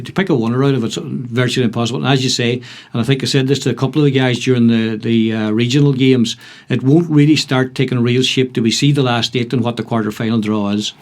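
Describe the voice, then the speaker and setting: A man with a Donegal accent hosts a casual sports discussion. His voice sits at a middling pitch as he runs through results and fixtures in a conversational way. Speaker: sports podcast host.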